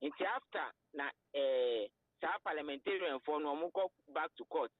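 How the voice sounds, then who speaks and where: Over a narrow, tinny phone line, a man with a Ghanaian accent explains things as a legal guest. His voice is fairly high, and he speaks haltingly, switching into English terms. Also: dry recording. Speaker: lawyer, interview guest. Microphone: telephone.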